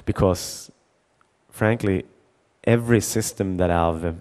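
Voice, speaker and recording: Low-voiced halting conference speaker, a man. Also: darkish tone. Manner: halting, repeats words, acts out dialogue. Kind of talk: conference talk with anecdote.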